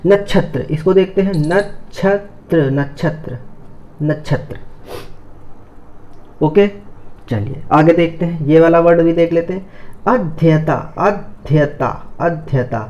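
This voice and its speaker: A man teaching a spelling class in a slightly high voice. He spells each word piece by piece, repeats it several times and keeps asking whether the students have understood. The recording sounds dull and lo-fi. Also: normal speed, a little mellow. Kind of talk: Hindi spelling lesson.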